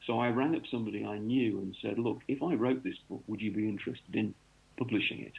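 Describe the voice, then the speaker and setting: Heard via a tinny phone line, this North East England cricket author is a fast talker with a fairly low, gravelly, husky voice. He rambles through his work in a radio interview with plenty of ums and restarts.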